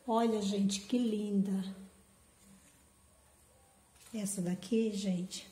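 A woman's voice: mid-range voice, fairly even intonation, takes it slowly, dark tone. A woman hosting an orchid channel, unboxing plants in a casual vlog and gushing over each one with affection. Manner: gushing, affectionate, repeats "gente". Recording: echoey room.

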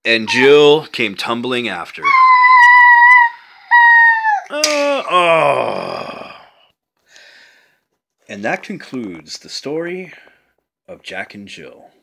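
A man playfully telling a puppet story to a child, teasing and animated. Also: medium pitch, slow pace, noisy background.

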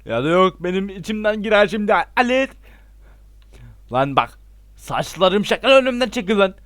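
A man giving excitable, casual gameplay commentary, shouting out reactions and talking straight to his viewers as friends. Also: high voice, a little slow, dry recording, studio quality. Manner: excitable, loud exclamations and slangy swearing; talks to viewers as friends, repeats himself. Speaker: gameplay YouTuber.

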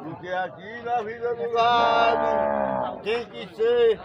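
Cowboy singing slow verse outdoors. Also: male voice, extremely high pitch, very animated, dull audio, heavy background noise. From Northeast Brazil. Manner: rhyming, half-sung, drawn-out. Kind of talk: improvised sung verse. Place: outdoor cattle pen at a market. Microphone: handheld camera close by. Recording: busy crowd around outdoors.

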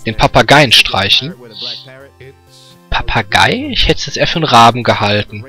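A man's voice: mid-range voice, expressive, normal speed, sharp tone, soft background music. A man hosting a let's play, reading game text aloud with joking, sarcastic asides.

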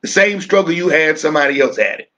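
High-pitched man pastor preaching bible study in church, repeats himself, slows down hard on key words. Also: expressive, sharp tone, dull audio.

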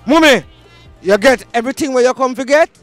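A man's voice: extremely high pitch, lively intonation, brisk, faint music behind. A Jamaican man hosting a street vlog at an outdoor market, hyped and chanting a catchphrase. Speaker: vlog host.

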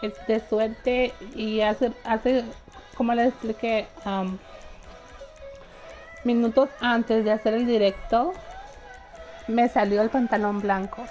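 Young woman gaming streamer, slow relaxed chat with a bit of a high voice, faint music under. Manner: chatty, laughs often, reads out chat greetings. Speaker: gaming livestreamer. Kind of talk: casual live gameplay chat. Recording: faint game music behind.

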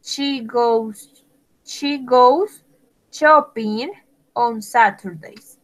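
Woman english teacher, talks super slow, spells every word out, kinda high voice. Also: poor audio. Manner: slow, deliberate, spells letters one by one. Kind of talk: bilingual language lesson, spelling words aloud.

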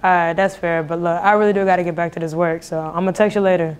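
A woman's voice: fairly low pitch, steady tone, quick pace, clean tone, lightly acted. A woman playing a confident playful saleswoman. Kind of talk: web drama acting.

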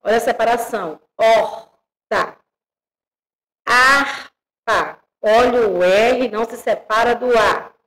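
A Brazilian woman teaching young children, spelling out syllables slowly and checking in with the class. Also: fairly high pitch, fairly bright tone, low-quality recording. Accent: Brazilian Portuguese. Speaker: primary school teacher.

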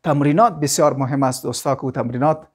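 A woman with an Afghan Dari accent teaching English vocabulary, mixing Dari and English and slowly repeating each word for students to echo. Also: low-pitched, a little mellow, slightly rough. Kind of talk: language lesson.

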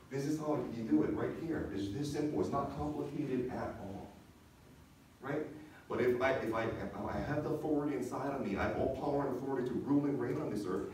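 Recorded from afar in an echoey church hall with faint noise, a man in his thirties delivers a sermon from the sanctuary stage. His voice is medium-pitched and dark, and he teaches in a conversational style, restating points and checking in with questions.

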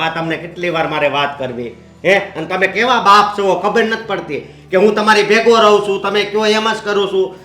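A man's voice: sits high, bright, forceful tone, echoey room. A man playing a grasping, quarrelsome son. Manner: argumentative, pressing, repeats tag questions.

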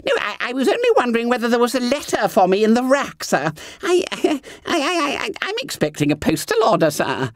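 A man voicing a fat, oblivious schoolboy who stammers and whispers, in a high squeaky voice. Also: big pitch swings, fairly quick, hardly any pauses, no echo, studio quality, exaggerated voice. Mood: flustered. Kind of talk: audiobook character voice.

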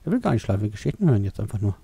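Gravelly dark-voiced man rambling over a game. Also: fairly low pitch, very animated, racing. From Germany. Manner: rambling, thinking aloud with many fillers. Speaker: let's play gamer. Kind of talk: casual game commentary.

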